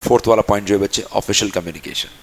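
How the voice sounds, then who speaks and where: A man's voice: lowish voice, steady tone, very fast. A young man teaching a class, calling students child and dear, and acting out their questions back and forth. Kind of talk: classroom lecture.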